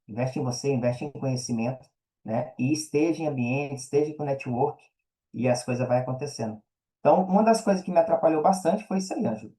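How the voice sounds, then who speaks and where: A man with a Brazilian accent, medium-pitched and dark in tone, talks briskly as a podcast guest over a low-quality recording. The casual interview chat is informal and full of check-in tags asking whether the listener follows.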